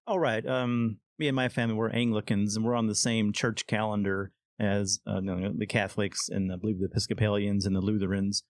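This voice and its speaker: A man's voice: on the low side, steady tone, a little fast, few pauses, dry recording, studio quality. A man co-hosting a casual podcast, talking hesitantly and often repeating words. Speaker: podcast co-host. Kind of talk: casual chat.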